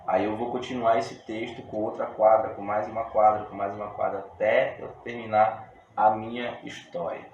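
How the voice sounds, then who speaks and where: A man with a Brazilian Portuguese accent teaching a poetry workshop lesson in a relaxed, slangy way, explaining step by step with frequent restarts. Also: fairly low pitch, moderate pace, few pauses, highs cut off. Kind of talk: casual video lesson. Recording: roomy echo with faint room noise.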